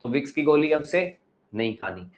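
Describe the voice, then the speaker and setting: A man's voice: a little high, very animated, moderate pace. A male teacher lecturing a class, asking the pupils questions and giving advice.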